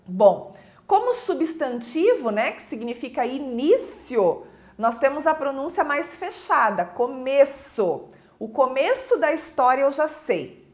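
A Brazilian Portuguese woman teaching a recorded online class, explaining patiently and often checking in with her students. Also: high-pitched.

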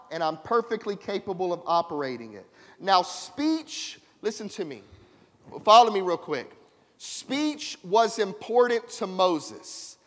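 A man preaching a sermon to a congregation, calling on them to repeat lines back to him. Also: sits high. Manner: preaching with call-and-response to the congregation. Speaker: pastor. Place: church sanctuary. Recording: long church reverb.

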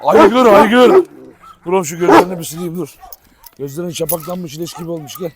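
A man filming a casual vlog outdoors in a yard, talking fondly to his dogs and explaining to viewers, with sharp commands now and then. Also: a little high, fairly even intonation, racing, very noisy. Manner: affectionate baby talk to dogs, sharp commands. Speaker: dog breeder vlogger. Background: dogs barking.

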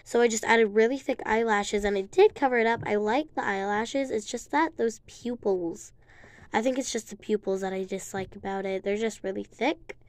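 A woman's voice: mid-range voice, moderate pace, no echo. A woman vlogging in a casual show-and-tell chat, rambling with lots of ums and likes as she shows her custom toy figures.

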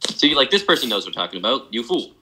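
A woman's voice: a bass voice, very animated, quick pace, pushed and bright. A woman playing a game with friends, teasing them in a laid-back way. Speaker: game player. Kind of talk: casual game chat. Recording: noisy voice chat.

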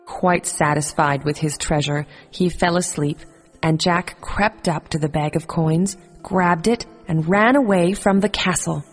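A woman narrating a children's fairy tale in a calm, measured storytelling manner. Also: fairly low pitch, slightly rough, big-room sound, soft background music.

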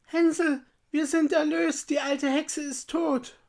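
A woman's voice: high-pitched, takes it slowly, pitched above the performer's own voice. Woman doing a frightened little girl. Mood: relieved. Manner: pleading, tearful. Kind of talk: storybook reading.

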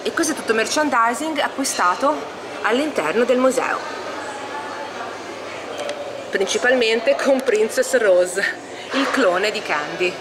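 A woman with a slightly high, lively voice talks at a normal speed as she walks the camera through her own collector's display at an indoor convention hall stand. She goes case by case, listing items with small hesitations, in a casual guided-tour style. The recording carries loud background noise from the public hall, with a busy convention crowd all around.

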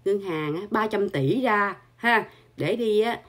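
A woman's voice: mid-range voice, slow pace. A woman, hosting her channel with an angry, scolding monologue full of insults and filler particles. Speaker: channel host.

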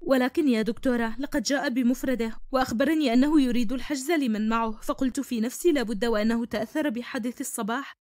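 Patient hotel receptionist read by a woman, calm and polite, a bit high. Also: fast, dry recording, clean studio sound, lightly acted. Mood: explaining.

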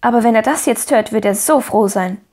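Lady reading as a hopeful little girl in an audiobook, eager and pleading, up high. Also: brisk, lightly acted. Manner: eager, pleading, bright and higher. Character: cheerful optimistic little orphan girl.

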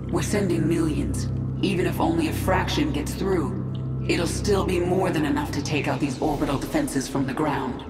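A woman's voice: low-pitched, normal speed. A woman playing a ruthless alien queen in a game, commanding in a cold, imperious way. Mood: determined. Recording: echoing, music behind.

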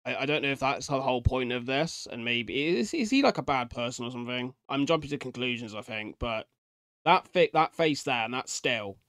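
A reaction video host in his thirties sits at an indoor desk, thinking out loud and chatting casually with his audience. His medium-pitched voice is expressive, a little fast and a bit bright, captured in a dry, clean studio recording.

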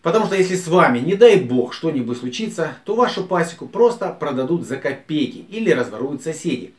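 A man's voice: on the high side, lively intonation, brisk, a little mellow. A man, a beekeeper giving advice to a fixed camera from a table indoors, with frequent "eh" fillers and dry chuckles. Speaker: beekeeper vlogger. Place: small room indoors, seated at a table. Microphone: fixed camera at table distance. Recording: echoey room.

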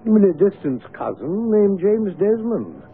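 Prim gentleman doctor, high-pitched, formal, dull radio broadcast sound. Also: very animated, slow, a little hiss or hum, exaggerated voice. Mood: stiff. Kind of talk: radio drama acting.

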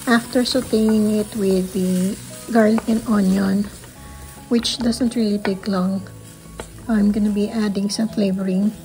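A woman's voice: mid-range voice, fairly even intonation, measured pace, warm tone, faint music behind, rough recording. A middle-aged woman with a Filipino accent, walking through a recipe step by step in her home kitchen, slipping Tagalog asides into her English. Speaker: cooking vlogger. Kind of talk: casual cooking narration.

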